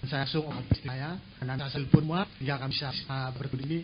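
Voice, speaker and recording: A man from Madura, an audience member asking a question in a halting, formal way. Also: mid-range voice, fairly even intonation. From Madura, Indonesia. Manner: halting and formal, with many pauses. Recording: muffled, clear background noise.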